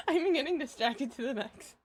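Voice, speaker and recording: A woman's voice: sits high, a little hiss or hum. A young woman chatting casually on a livestream in a hyper, giggly, scattered way, often repeating herself.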